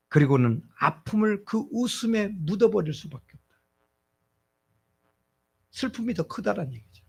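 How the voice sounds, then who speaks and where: Gravelly, lively middle-aged male pastor preaching. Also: high-pitched. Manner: conversational preaching with rhetorical questions. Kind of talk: sermon.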